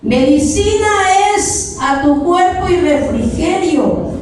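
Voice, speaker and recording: Woman preaching slowly in an echoey hall. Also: high-pitched, expressive, darkish tone. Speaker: preacher giving testimony. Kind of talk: sermon testimony. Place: church hall. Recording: echoey room heard from a distance.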